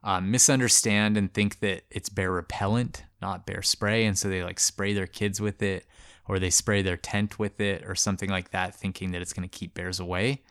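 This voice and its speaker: Low-voiced laid-back podcast co-host man. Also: flat delivery, normal speed, a bit bright, clear, resonant tone, dry recording. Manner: laid-back, rambling, laughs easily. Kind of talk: casual chat.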